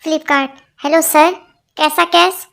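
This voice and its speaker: A woman reads a string of short jokes as scripted narration, her high-pitched voice creaky and a little slow. She doesn't change voices for different parts, keeping everything level.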